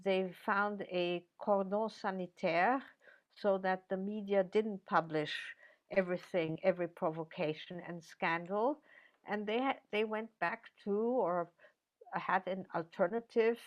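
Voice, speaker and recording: An older woman professor answering interview questions in a measured way, with frequent fillers and restarts. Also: mid-range voice, steady tone, muffled recording.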